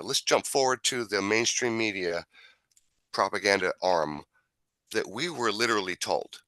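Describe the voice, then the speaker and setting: A man with a smoker's rasp hosting a casual, opinionated talk, emphatic and repetitive, swearing freely. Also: fairly low pitch, sharp tone, dry recording. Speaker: talk show host.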